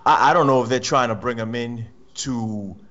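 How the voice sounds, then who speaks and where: A man in casual wrestling chat, halting and repeating words, then getting excited. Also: mid-range voice, a little hiss or hum. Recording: muffled lo-fi recording.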